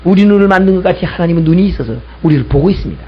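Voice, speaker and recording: A man's voice: high voice, expressive, racing, highs cut off, slight background noise. A male pastor preaching a sermon, telling a story and acting out both sides of an argument, repeating key lines for emphasis.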